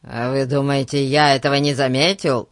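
A man's voice: a little high, very slow, a bit bright, no room sound, clean studio sound. A man reading the part of a grumpy, self-important village policeman who talks in an indignant, blustering way.

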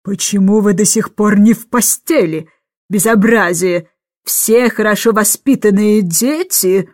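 Woman narrator voicing a stern old governess, loud and bossy, low for her. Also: no room sound, clean studio sound, lightly acted. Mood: furious. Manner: booming, indignant, slow emphatic shouting.

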